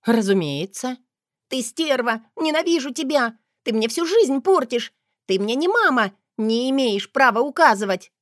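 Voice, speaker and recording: A woman voicing a spoiled, bratty young stepdaughter who whines and shouts. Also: mid-range voice, lively intonation, normal speed, no echo, studio quality, lightly acted. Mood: tearful shouting. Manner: whiny, capricious.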